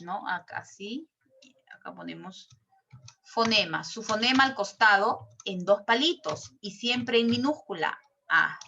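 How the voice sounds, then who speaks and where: A woman's voice: medium pitch, sharp tone. A woman teacher explaining a lesson in an online class, patient and step by step, checking with questions as she goes. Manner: slow and drawn out. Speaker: language teacher.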